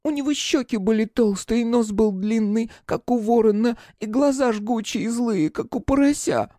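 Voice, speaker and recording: A man reading an audiobook, voicing a frightened, simple-minded young village woman in a high, pleading voice. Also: moderate pace, dark tone, no echo, studio quality. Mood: agitated.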